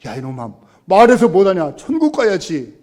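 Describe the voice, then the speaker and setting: A man voicing a stubborn, quick-tempered old father who scolds his son gruffly. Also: mid-range voice, warm tone, voice pushed down, natural voice.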